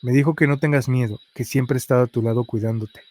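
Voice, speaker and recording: A man's voice: mid-range voice, fairly even intonation, fast, darkish tone, lightly acted. A man reading the lines of a caring woman police officer who sees spirits, earnest and concerned.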